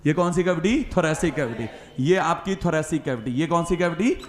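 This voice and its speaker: A male biology teacher with a high voice and a north Indian accent leads a classroom lecture, firing questions and repeating the answers back in a call-and-response drill. His voice rings around an echoey classroom. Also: expressive, normal speed. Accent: Hindi-speaking north Indian. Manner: repeats questions and answers, calls listeners beta and sir.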